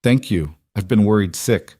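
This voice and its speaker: A man voicing a tired, worried young mother who speaks softly. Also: fairly low pitch, lively intonation, moderate pace, breathy edge. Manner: soft, exhausted.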